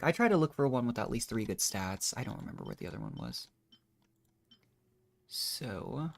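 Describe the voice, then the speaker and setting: Thinking out loud with a creaky, medium-pitched voice, this man streams video games and offers loose, rambling commentary that sounds modest and uncertain.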